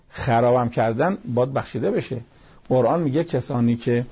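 A man's voice: mid-range voice, gravelly, dark tone, husky. A man giving a religious lecture, explaining with everyday examples and quoting Arabic verses.

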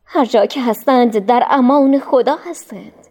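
A composed, faithful mother from a storybook, read by a woman in an even, unhurried voice close to plain narration. She answers with quiet assurance. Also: fairly high pitch, lightly acted. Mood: calm. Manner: calm, composed. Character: calm faithful mother, unshaken. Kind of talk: storybook reading.

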